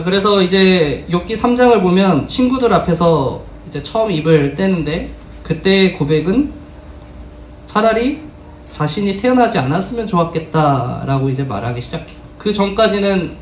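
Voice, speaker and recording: A man's voice: high-pitched, expressive, moderate pace. Man, preacher, earnest sermon, asks listeners questions, distant mic, echoey church, faint background noise. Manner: earnest, rhetorical questions to the congregation. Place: church sanctuary.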